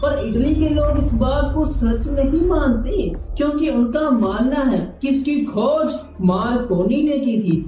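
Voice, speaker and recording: Earnest facts-channel voice-over with a slow, mellow read and heavy room echo. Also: high voice, muffled recording, a little hiss or hum. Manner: earnest, addresses viewers directly. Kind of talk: voice-over narration.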